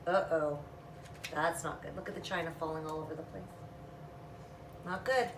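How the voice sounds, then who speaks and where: Here the storytime reader uses a low, steady voice at a moderate pace, still reading the children's story expressively with stretched-out sound words and casual remarks. Faint noise and echo come through from the distant mic.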